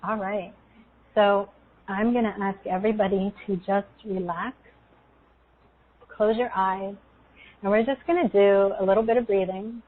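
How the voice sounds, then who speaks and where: A woman speaking in a soothing, unhurried way with pauses between phrases, as if leading a guided meditation. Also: medium pitch, steady tone. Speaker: guest energy healer leading a guided meditation. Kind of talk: guided meditation and spiritual talk. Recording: tinny, phone-like call audio.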